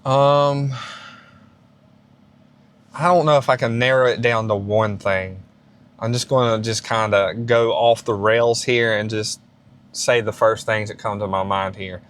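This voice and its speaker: A man's voice: fairly low pitch, steady tone, unhurried, long pauses, a bit bright, clear, resonant tone. Rambling, encouraging man in his thirties. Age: 30s. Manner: rambling, encouraging, frequent restarts and fillers. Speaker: fitness channel host. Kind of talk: casual advice vlog.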